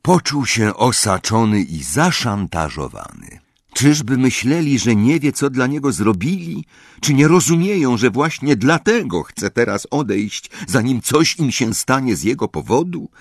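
A man reading an audiobook in a measured, expressive way. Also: medium pitch, gravelly, slightly rough, dry recording, studio quality. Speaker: audiobook reader. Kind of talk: audiobook narration.

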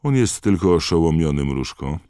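A man voicing an old male wizard headmaster who questions quietly and calmly. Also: a bass voice, normal speed, no echo, clean studio sound. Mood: firm.

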